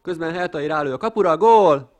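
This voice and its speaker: A man with a fairly high voice an actor calls a football match on the radio. He gives straight, factual play-by-play. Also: a little mellow, natural voice. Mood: thrilled. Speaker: sports commentator.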